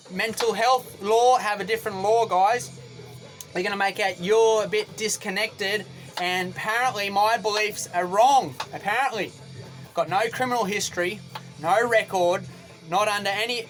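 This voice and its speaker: Australian guy vlogging from a boat, rambling and combative rant, middling pitch, faint music playing behind him. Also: fairly bright tone. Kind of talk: ranting monologue to camera. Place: on a boat outdoors.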